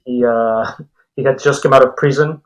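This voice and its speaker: A man's voice: mid-range voice, steady tone, moderate pace, dull audio. A man from Colombia speaking through a mask as a podcast guest, chatting casually and telling anecdotes with small hedges. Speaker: podcast guest, tattoo and comic artist. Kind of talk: casual interview chat.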